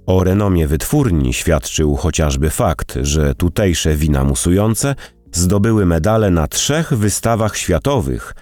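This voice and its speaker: Very deep-voiced male narrator. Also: dry recording, soft background music. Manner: expressive, measured storytelling. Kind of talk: audiobook narration.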